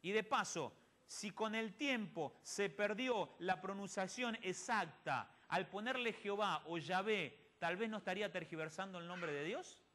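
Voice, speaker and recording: A church speaker gives a sermon-style Bible teaching in a church, his voice high-pitched, bright and forceful, unhurried yet with hardly any pauses. He asks the audience rhetorical questions and answers them himself, and quotes others in conversation.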